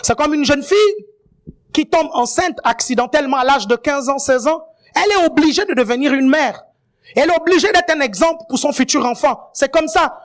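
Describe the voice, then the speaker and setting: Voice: high-pitched, expressive, brisk. A guest preacher giving a sermon, often checking in with the congregation and adding playful asides.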